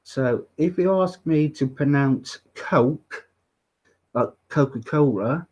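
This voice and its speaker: A man from Norfolk with a Norfolk accent touched by West Country, chatting casually and haltingly as an interview guest. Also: fairly high pitch, darkish tone, breathy edge. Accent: Norfolk with a little West Country. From Norfolk, East Anglia, England. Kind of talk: casual chat.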